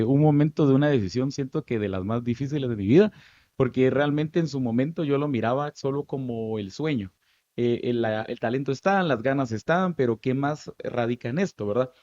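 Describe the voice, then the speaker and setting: A Guatemalan man in his thirties, a stage actor, telling lively stories from his life in an interview, with a Guatemalan Spanish accent. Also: medium pitch, no echo, dull audio. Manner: animated, lively storytelling with many asides. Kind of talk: storytelling interview answers.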